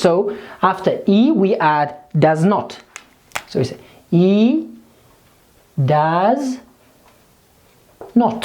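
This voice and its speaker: A woman teaching English grammar, explaining slowly and repeating each rule in two languages. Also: mid-range voice, a little mellow. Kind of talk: grammar lesson mixing English and Dari.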